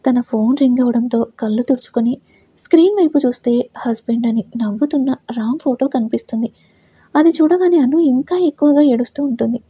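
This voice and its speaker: Woman narrator, gentle even storytelling, high voice, dry sound. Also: fairly quick, slightly rough, no room sound. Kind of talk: scripted narration.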